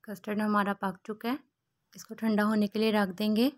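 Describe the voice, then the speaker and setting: Casual: young woman talking thru a recipe, calm and flat, one step at a time. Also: mid-range voice, a little fast. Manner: calm, even instructions in short steps. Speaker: cooking channel host.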